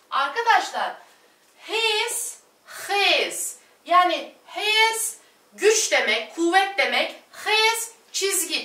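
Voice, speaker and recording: A woman teaching a language lesson at a board, slowly repeating each word pair and addressing her viewers as friends. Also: high-pitched, pushed and bright, recorded from a distance. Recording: echoey room, voice off-mic.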